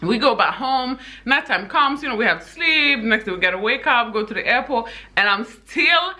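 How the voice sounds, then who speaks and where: A young woman who grew up in Senegal chats to her viewers in an animated vlog. Her voice is bright and forward, and she keeps turning to the audience with asides. She has an easy storytelling manner. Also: a little high, moderate pace. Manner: animated, addresses viewers as "you guys", frequent laughs and asides. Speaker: YouTuber. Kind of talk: casual chatty vlog storytelling.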